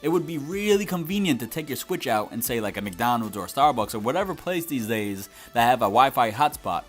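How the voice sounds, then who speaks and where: A man's voice: mid-range voice, very animated, brisk, soft background music. A young man giving a scripted but conversational video game review as its host.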